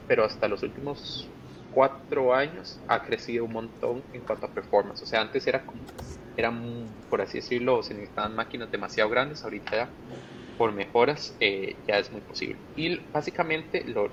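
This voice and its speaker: A man's voice: fairly quick, fairly bright tone. A man with a Costa Rican accent, a project manager being interviewed, who explains ideas step by step with plain examples. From Costa Rica. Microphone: video call. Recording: muffled call audio with faint rumble.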